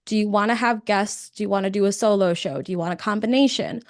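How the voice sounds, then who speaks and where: A woman presenting a live webinar on podcasting, speaking in a conversational, energetic way with frequent fillers. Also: mid-range voice, fast, dry recording, studio quality.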